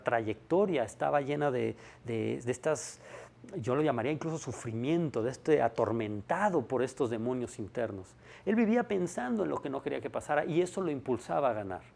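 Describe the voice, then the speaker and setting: A man's voice: medium pitch, gravelly, darkish tone. A man giving a monologue lecture on personal development, stressing key points by repeating them and asking rhetorical questions.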